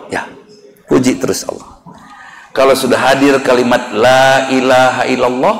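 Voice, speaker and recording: A man with a Sundanese accent preaches a mosque sermon, his voice mid-pitched. He talks in a lively, animated way and slips into acted-out dialogues whose intonation climbs. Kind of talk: Islamic sermon.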